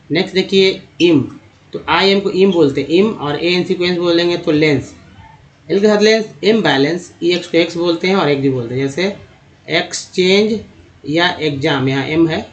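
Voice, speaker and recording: Man spelling out English sounds. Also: on the high side. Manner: spells out letters and sounds them out patiently. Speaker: English reading teacher. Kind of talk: slide-based reading lesson. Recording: dull lo-fi recording.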